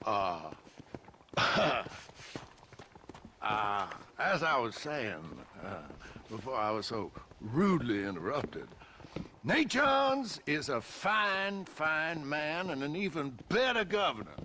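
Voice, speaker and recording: A man's voice: fairly high pitch, sing-song, takes it slowly, bright, forceful tone, exaggerated voice. An actor playing a folksy, outspoken but easily cowed Old West townsman in a western video game, blustering as he talks. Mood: nervous flattery. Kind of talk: video game cutscene acting. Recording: outdoor noise with horses behind.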